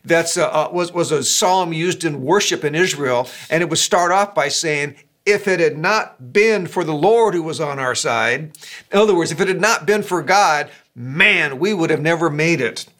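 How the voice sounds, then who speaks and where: An older man, a pastor, preaching a sermon in a conversational, animated way with quick asides. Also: a little high.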